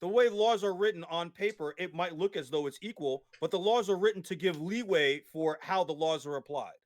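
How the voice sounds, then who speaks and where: A man's voice: high voice, a little fast. A man in a casual debate, explaining at length with many restarts and tag questions. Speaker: guest.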